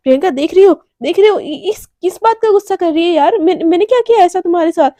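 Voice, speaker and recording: A woman's voice: high-pitched, fairly even intonation, fairly quick, dark tone, natural voice. A woman voicing a smug young male college student in a told story, pleading and wheedling.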